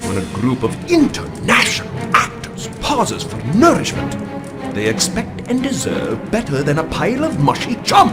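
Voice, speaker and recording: An actor playing a pompous, scheming count in a video game cutscene, haughty and theatrical in a drawling delivery. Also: male voice, high-pitched, huge pitch swings, moderate pace, loud music behind the voice. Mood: indignant.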